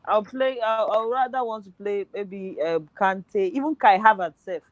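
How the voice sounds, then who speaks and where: A football pundit chats casually on a podcast in a medium-pitched, unhurried voice that is tiring and nearly gone. He sounds hesitant, thinking aloud with many fillers, and the dull, dry audio has no room sound.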